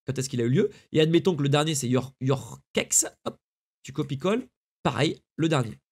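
A man's voice: mid-range voice, animated, a little fast, a little mellow, husky. A young man casually talking the viewer through a streaming tutorial, chatty and slangy. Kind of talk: casual screen-recorded tutorial.

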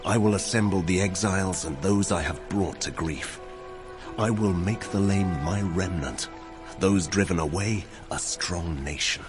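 An actor playing a solemn, commanding God in a dramatized Bible reading, speaking with authority. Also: male voice, sits low, a little slow. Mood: majestic. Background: loud music.

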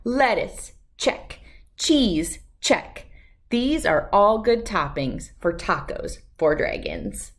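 With an emphatic, expressive style and well-placed dramatic pauses, a woman in her thirties with a medium-pitched voice reads a children's storybook aloud as a read-aloud host.

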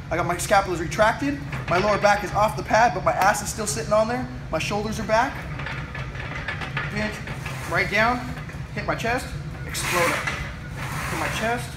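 A young man energetically leads a chest workout in a weight room, his voice sitting high as he explains the moves mid-lift like a fitness coach. Recorded on a camera mic a few feet off, the audio is distant with audible room noise.

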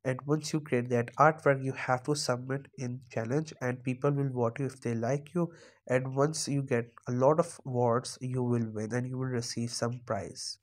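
A man narrating a screen-recorded software tutorial, explaining each step plainly, with some non-native phrasing. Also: medium pitch, fairly even intonation, moderate pace.

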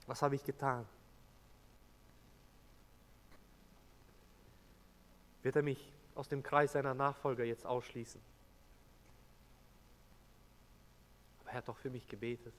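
A man's voice: medium pitch, fairly bright tone, lightly acted. A man preaching as a remorseful apostle, speaking earnestly in first person with emotional swells in a church. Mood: anguished. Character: remorseful adult male apostle recounting his denial. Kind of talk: first-person dramatic sermon monologue. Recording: long church reverb.

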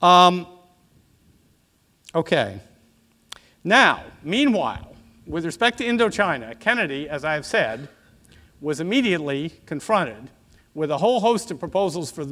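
Casting: man, 60s, discursive old professor, slightly higher-pitched voice, measured lecture delivery with asides. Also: a bit bright. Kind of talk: academic lecture. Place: auditorium stage at a lectern, indoors.

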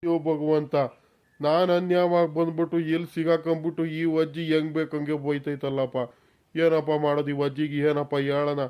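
A man's voice: fairly high pitch, a little fast, smooth, natural voice. A man doing a timid, fretful village man. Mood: pleading. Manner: nervous muttering asides, flattering when addressing the granny. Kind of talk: cartoon voice acting.

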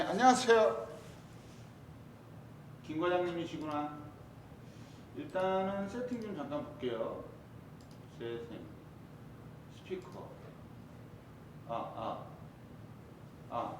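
A middle-aged man from South Korea, a golf instructor chatting casually on a live stream, greeting viewers by name and checking his volume. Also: far from the mic. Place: indoor golf studio. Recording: roomy, off-mic echo with faint rumble.

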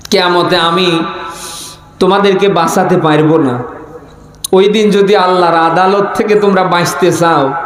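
High-pitched preacher, heavy echo. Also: male voice. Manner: exhorting, rhetorical questioning, emphatic repetition. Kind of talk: impassioned sermon addressed to a gathering, with call-and-response questions. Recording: very echoey amplified sermon sound.

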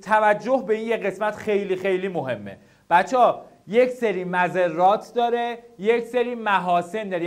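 A young man teaching students how to study, lecturing and speaking to them directly. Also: extremely high pitch. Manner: animated, addresses students directly.

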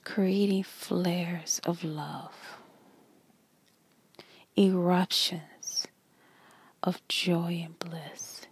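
A woman guiding a meditation in a slow, soft whisper with long pauses. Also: on the low side, fairly even intonation, slightly rough. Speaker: meditation guide. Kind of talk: guided meditation.

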